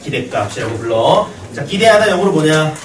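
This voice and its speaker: A man's voice: a little high, very animated, brisk. A man teaching math to a class, joking and telling stories between points. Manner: joking banter with students, storytelling. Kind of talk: classroom lecture. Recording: roomy classroom echo, distant mic.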